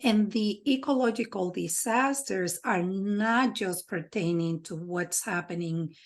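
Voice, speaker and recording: A woman interviewing a guest, speaking in a slow and reflective way with soft fillers, choked up with emotion. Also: medium pitch. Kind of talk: conversational interview.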